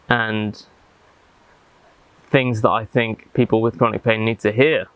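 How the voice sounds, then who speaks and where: A man speaking reflectively and haltingly, with deliberate pauses, as he vlogs outdoors in the jungle. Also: medium pitch, a bit bright, clean tone, rough recording. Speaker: vlogger. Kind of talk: reflective talk to camera.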